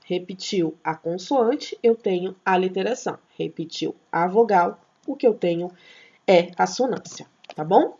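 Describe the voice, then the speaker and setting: A woman's voice: lowish voice, expressive, measured pace, mellow. A woman teaching a grammar lesson, chatty and checking in with her students often, sometimes stumbling over and restarting words. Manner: chatty, checks in with tag questions. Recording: slightly dull lo-fi recording.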